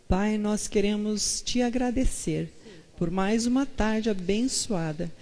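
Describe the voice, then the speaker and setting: A woman's voice: a little high, a little mellow. A woman pastor hosting a live-stream chat, greeting viewers and asking her guest questions. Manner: fervent prayer, then chatty greetings to viewers.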